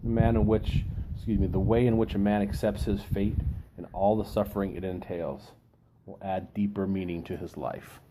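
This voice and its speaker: A man with a fairly low, very mellow voice talks reflectively, as if walking a listener through a book. His delivery is deliberate and halting, pausing mid-phrase. Light background noise sits under the voice. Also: fairly even intonation, low-quality recording. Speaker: book reviewer giving an informal chat. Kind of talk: reflective solo talk, quoting and explaining.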